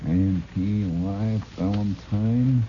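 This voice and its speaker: A man from Illinois hosts radio in a fairly low voice, telling a meandering story slowly while laughing and frequently starting over. He's animated, and the lo-fi broadcast sounds dull with slight background noise.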